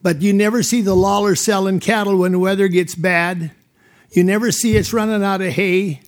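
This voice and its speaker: Middle-aged rancher guy from north dakota, fairly high voice, earnest and choked up testifying. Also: steady tone, normal speed. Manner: emotional, earnest, plain-spoken. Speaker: landowner testifying at a hearing. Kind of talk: public testimony.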